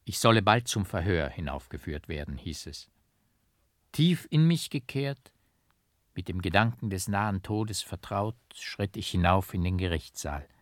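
Slow, brooding male audiobook narrator. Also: sits low, lively intonation, no echo, studio quality. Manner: slow, hushed, brooding delivery. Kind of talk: dramatic literary audiobook reading.

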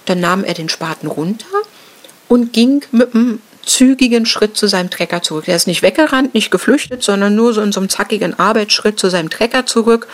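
A middle-aged woman recounts a traumatic event in an interview. She talks in a halting way, with fillers and restarts, and her pitch sits in a middle range for a woman. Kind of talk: emotional personal account.

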